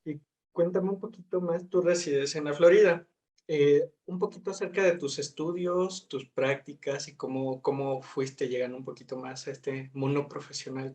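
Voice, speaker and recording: A man's voice: on the high side, darkish tone. A man interviewing a guest, asking questions in an encouraging way. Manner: encouraging, brief acknowledgments. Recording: voice from a distance.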